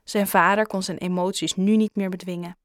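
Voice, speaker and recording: A woman narrating a children's book in a calm, even-toned reading. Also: medium pitch, a little fast, smooth, no room sound, studio quality. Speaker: audiobook reader. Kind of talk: scripted storybook narration.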